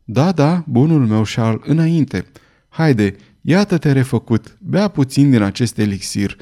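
A man's voice: medium pitch, lively intonation, warm tone. A man voicing a devoted young woman who soothes her troubled lover, in an audiobook reading. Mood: soothing. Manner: soothing, tender.

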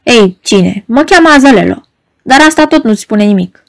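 A cold, mocking red-haired man , as a woman reader voices him, clipped and scornful in a fairly high voice. He speaks as a dry, curt stranger in an audiobook scene. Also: expressive, creaky. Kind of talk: audiobook narration.

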